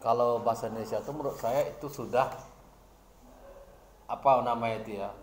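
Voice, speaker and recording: A man's voice: medium pitch, a little fast, echoey room, slight background noise. A man acting as an academic supervisor, questioning a student about her research in long, rambling, searching questions with many restarts. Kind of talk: probing academic discussion.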